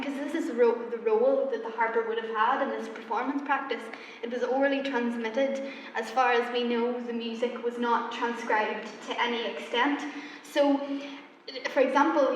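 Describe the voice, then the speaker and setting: Higher-voiced woman in an echoey hall. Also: a little hiss or hum. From Northern Ireland. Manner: earnest, reflective, with "um" fillers. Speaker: harper and researcher presenting. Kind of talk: lecture presentation. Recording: echoey hall, mic at a distance.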